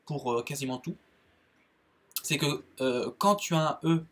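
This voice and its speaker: A French man with a French accent giving a casual spoken lesson on English verbs, halting, with many fillers and restarts. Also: fairly high pitch, a bit bright. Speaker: English teacher, channel host.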